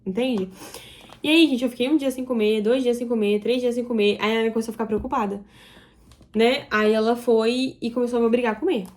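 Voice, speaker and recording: Young female vlogger, slightly high pitch, confessional and emotional, speaking directly to viewers. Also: fairly even intonation, fast, darkish tone. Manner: emotional, confiding, talks straight to viewers. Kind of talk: confessional storytelling to camera.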